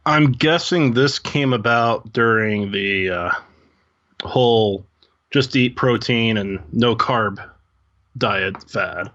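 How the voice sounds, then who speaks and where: Low-key man, dull lo-fi sound. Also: takes it slowly, fairly bright tone. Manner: brief, low-key replies. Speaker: podcast co-host. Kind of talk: casual chat.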